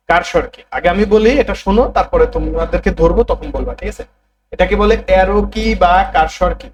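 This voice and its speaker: This low-quality recording captures a high-pitched male teacher running a computer class. His lesson is repetitive: he keeps restating terms and prompting the students to answer back with them.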